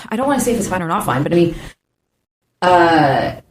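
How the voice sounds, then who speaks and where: Low-voiced woman in a roomy studio. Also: sing-song, a little fast, a little hiss or hum. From Canada. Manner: thoughtful, hedging, lists points in order. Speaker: panel guest. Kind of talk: casual political discussion. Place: radio studio.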